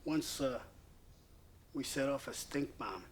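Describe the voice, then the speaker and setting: A man's voice: mid-range voice, slow, natural voice. An actor playing a jovial older male veteran in a counseling group, once a street drinker, who jokes and laughs as he talks. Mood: laughing. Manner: joking, laughing while he talks. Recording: crowd noise behind the voice.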